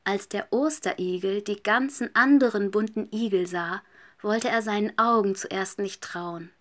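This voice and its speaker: A woman reading a children's story aloud, gentle and soft, often dropping to a whisper. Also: medium pitch, a little slow.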